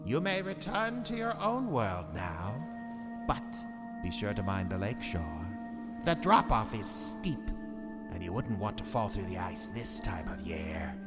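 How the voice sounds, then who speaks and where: In a long, cavernous reverb over music, a ghoulish warlock horror host for a radio play. His delivery is slow and sardonic, savoring every grisly phrase with gleeful menace and wild swoops in pitch. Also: big pitch swings. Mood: ominous, gleeful. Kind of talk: theatrical horror radio narration.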